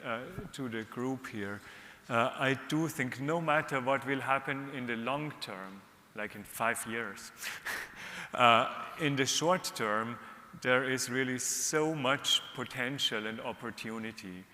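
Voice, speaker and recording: A man from Austria, an economist on a panel, giving measured, earnest advice. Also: medium pitch, bright, forceful tone. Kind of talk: panel discussion remarks. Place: large conference hall. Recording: reverberant hall.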